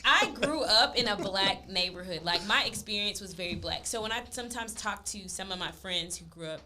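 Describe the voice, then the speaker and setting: A woman's voice: medium pitch, fairly quick, bright, forceful tone, slight background noise. A woman from Texas, co-hosting a casual podcast chat and talking freely with laughing asides. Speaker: podcast co-host.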